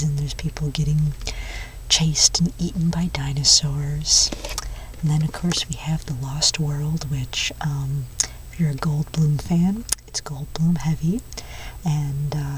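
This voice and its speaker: A whispered role-play of a nerdy, enthusiastic movie-store clerk , played by a woman. The voice is low and soft, rambling along without hurry. It sits a little away from the microphone, over faint background noise. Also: far from the mic, rough recording. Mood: chatty, enthusiastic. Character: chatty, nerdy movie-store clerk recommending sci-fi films.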